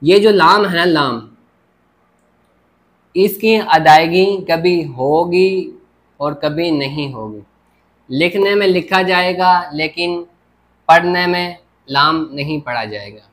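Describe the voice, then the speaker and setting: Guy teaching grammar at a whiteboard, kinda high voice, keeps saying ok got it. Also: slow, pauses often, fairly bright tone. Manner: explains step by step, repeats "theek ho gaya". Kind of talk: classroom lecture at a board.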